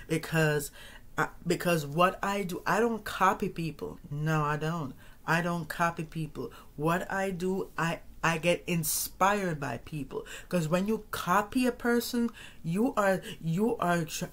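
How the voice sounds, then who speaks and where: A man's voice: fairly high pitch, fairly bright tone. A man in his thirties hosting his own podcast, talking casually to his audience in a rambling way, repeating phrases and restarting sentences often. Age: 30s. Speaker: podcast host. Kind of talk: casual solo monologue.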